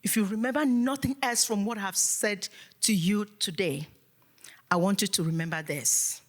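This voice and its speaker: In an event hall, an African woman rouses a live crowd with her motivational keynote, calling out and drawing responses like a preacher. She speaks in a mid-range voice at a moderate pace.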